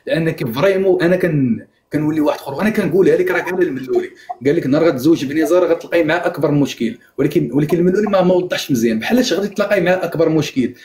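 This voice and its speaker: A man's voice: on the high side, racing, a little mellow, slight background noise. A man with a Moroccan accent in a heated argument on a live stream, insisting again and again on being heard. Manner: insistent, repeats himself, keeps demanding to be heard.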